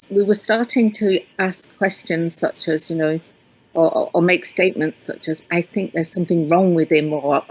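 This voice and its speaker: This Yorkshire-raised woman, an author and researcher, speaks as an interview guest in a hybrid northern English accent, stumbling through many ums and restarts. Her pitch sits fairly low, and the recording quality is low.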